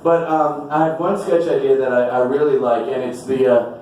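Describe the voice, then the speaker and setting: A male stand-up comedian rambling through a self-deprecating set, sweating heavily, with bursts of shouted high voices. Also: fairly even intonation, moderate pace, recorded from a distance, a little hiss or hum. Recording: echoey venue mic heard from afar with crowd. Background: audience.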